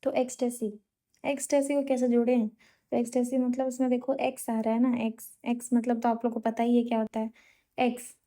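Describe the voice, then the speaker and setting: A woman's voice: fairly high pitch, level tone, brisk, warm tone. A woman with a Uttar Pradesh–Bihar Hindi accent teaching exam vocabulary in casual Hindi mixed with English, explaining patiently and often checking in.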